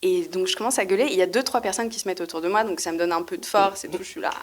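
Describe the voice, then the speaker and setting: A woman's voice: on the low side, rapid-fire, slight background noise. A young woman telling a funny personal story at a live podcast recording, in casual slangy speech, acting out what she thought back then. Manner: lively and slangy, acts out her own past thoughts. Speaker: guest storyteller.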